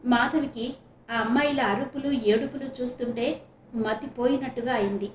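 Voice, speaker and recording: A woman's voice: a little high, moderate pace, roomy sound, a little hiss or hum. A woman from Visakhapatnam reading a serial novel aloud, telling it expressively as an audiobook narrator. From Visakhapatnam, India. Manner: expressive storytelling, voices the characters.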